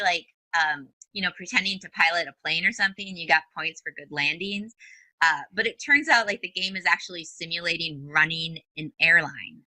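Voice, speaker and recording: Upbeat Minnesotan woman host, lowish pitch, bright and forward, dry close mic. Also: no echo, rough recording. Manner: upbeat, chatty, laughs easily. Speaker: podcast host. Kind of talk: podcast interview.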